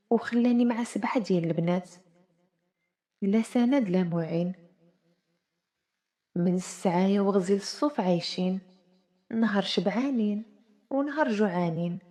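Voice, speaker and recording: Moroccan lady as a poor humble widow in a folk tale, soft and meek. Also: medium pitch, close to an everyday voice. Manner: meek, quiet. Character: poor humble widow, mother of seven daughters.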